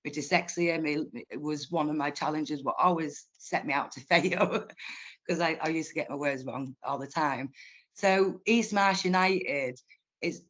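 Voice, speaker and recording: A woman's voice: deep voice, a little slow, fairly bright tone. Passionate forty-year-old woman, muffled call. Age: 40s. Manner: passionate, searching for words. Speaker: lived experience speaker. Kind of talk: heartfelt personal testimony. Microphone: video call. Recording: muffled video call audio.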